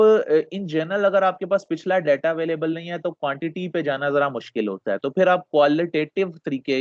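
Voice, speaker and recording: A man's voice: on the high side, no echo. A man giving a recorded class lecture, explaining patiently, mixing English terms in and often checking in with his students. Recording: dull, dry lo-fi recording.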